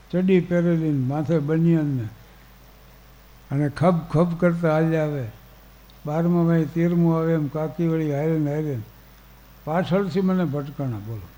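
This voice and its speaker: Older storyteller with mellow voice. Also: male voice, on the high side, poor audio. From Gujarat, India. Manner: folksy, anecdotal, quotes verse. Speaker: storyteller on stage. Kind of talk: humorous storytelling to a live audience.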